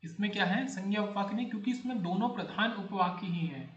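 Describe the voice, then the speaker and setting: High-voiced man teaching in an echoey room. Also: fast talker, fairly bright tone, muffled recording. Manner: explains step by step, repeats words as he checks them. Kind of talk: exam-prep grammar lecture.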